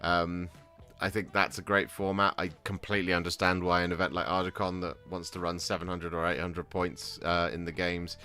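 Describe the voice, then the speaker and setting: Low-voiced man rambling casually. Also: little pitch movement, moderate pace, pushed and bright, soft background music. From England. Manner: rambling, full of restarts and fillers. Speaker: hobby vlogger. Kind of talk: casual chat while painting miniatures.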